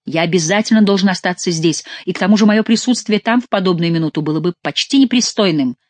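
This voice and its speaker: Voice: mid-range voice, fast talker, no echo, close to an everyday voice. A reader voicing a bold young nobleman giving urgent orders, in a theatrical audiobook reading.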